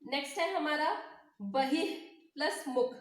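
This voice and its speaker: A woman's voice: sits high, measured pace. A woman teaching a grammar lesson at a board, patiently spelling out letters and checking in with each step. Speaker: Hindi teacher. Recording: very echoey room.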